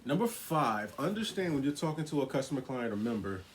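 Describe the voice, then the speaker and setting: A man's voice: medium pitch, very animated, brisk, a little hiss or hum. A man co-hosting a casual couple's chat, explaining tips step by step and often asking "right?". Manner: explanatory, keeps checking with "right?". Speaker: co-host of a couple's channel.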